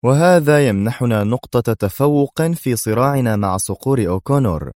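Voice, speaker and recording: A man voicing a cool, sarcastic male secret agent who talks with calm, mocking ease. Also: medium pitch, moderate pace, no room sound, studio quality, pitched above the performer's own voice, close to an everyday voice.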